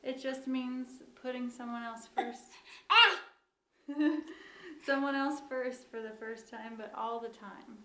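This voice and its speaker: A woman interviewed about parenting, speaking in a calm, measured way. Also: fairly high pitch. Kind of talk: documentary interview. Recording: echoey room with faint noise.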